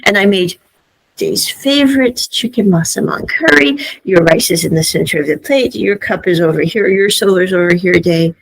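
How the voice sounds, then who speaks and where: A woman's voice: mid-range voice, normal speed, gravelly, a little hiss or hum, poor audio. A woman giving a chatty recap of a drama series, laughing often and acting out the characters' lines. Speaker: series reviewer. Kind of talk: casual recap and commentary.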